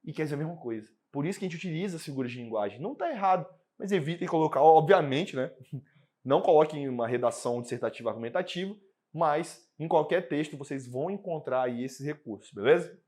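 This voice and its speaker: Lively Brazilian male prep teacher. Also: a little high, quick pace. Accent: Brazilian Portuguese. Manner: lively, chatty, asks the class questions. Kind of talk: exam prep lesson.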